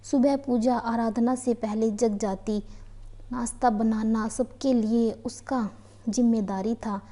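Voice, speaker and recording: A woman narrating a story aloud in a steady, earnest reading voice. Her tone is very dark and mellow, set a little higher than average. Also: slow pace.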